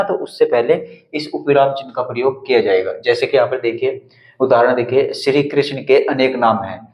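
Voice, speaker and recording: A man's voice: mid-range voice, a little mellow. A male Hindi teacher explaining punctuation on a whiteboard, step by step, repeating each example. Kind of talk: whiteboard grammar lesson. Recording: echoey room, slightly dull sound.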